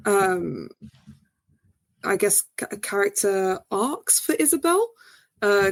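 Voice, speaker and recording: There's vocal fry in the voice of this Portuguese novelist, who is a guest in a casual interview. She comes across as chatty yet hesitant, restarting often and using many fillers, and she gets high-pitched and animated when she answers. The recording has no echo.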